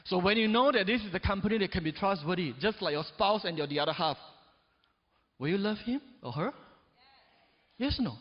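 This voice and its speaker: This motivational speaker, a man in his forties, is animated and brisk, with frequent pauses. He keeps throwing "right?" and "yes or no?" at the audience, his emphatic delivery lurching from loud peaks to low dips. The sound is dull and echoes through a large hall.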